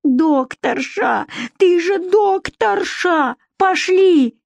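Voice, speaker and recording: Woman putting on shrill village women, yelling high and slow, blunt and pushy, dry close sound. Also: dry recording. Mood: shrill shouting. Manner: shrill, drawn-out shouting. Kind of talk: audiobook narration.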